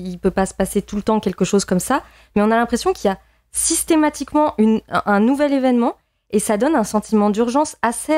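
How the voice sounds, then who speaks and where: A woman's voice: on the high side, a little mellow, no room sound. Woman talking films, very dry sound. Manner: analytical, opinionated, searching for words with repetitions. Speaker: panelist in a film discussion. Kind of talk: casual film review discussion.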